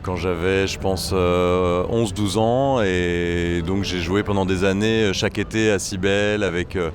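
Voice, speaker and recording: Deep-voiced young man, hesitant. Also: fairly even intonation, a little slow, crowd noise. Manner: hesitant, many fillers. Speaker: trombonist and bandleader. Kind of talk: casual interview. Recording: music faintly behind.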